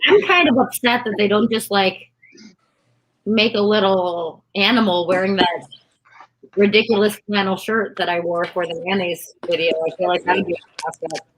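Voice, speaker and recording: A woman's voice: medium pitch, normal speed, fairly bright tone, low-quality recording. A woman chatting casually during an eating contest, telling anecdotes and peppering her talk with "like". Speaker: competitive eater.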